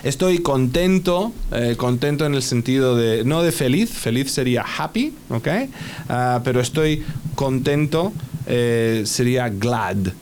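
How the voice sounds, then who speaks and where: A man's voice: mid-range voice, expressive, unhurried, a little mellow, a little hiss or hum. A man teaching an English lesson in Spanish on the radio, patiently spelling out words and checking with "ok?".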